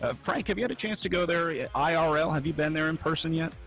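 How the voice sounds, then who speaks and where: A man commentating a virtual cycling race, energetic play-by-play that lifts when he hypes riders. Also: a little high, quick pace, creaky, faint music behind.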